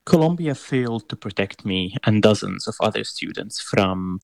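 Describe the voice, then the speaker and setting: Man, young adult, from syria, low pitch, gravelly, interview guest, earnest, restarts often. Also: expressive, dry recording. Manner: earnest, measured, with frequent restarts. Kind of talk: broadcast interview answers.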